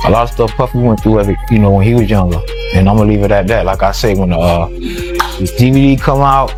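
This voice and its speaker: A man in casual interview talk, halting and repeating himself. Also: on the low side. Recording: music under the voice.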